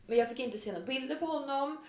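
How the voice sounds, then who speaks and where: A woman's voice: high voice, reverberant. A woman in casual chat, telling a story animatedly and acting out what people said. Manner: animated storyteller, acts out quotes.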